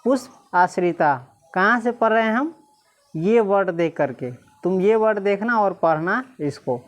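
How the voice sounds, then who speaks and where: A woman teacher, reading Sanskrit slowly syllable by syllable and quizzing the class again and again. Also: mid-range voice, lively intonation, faint music behind. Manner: repeatedly quizzes listeners, slow syllable-by-syllable reading.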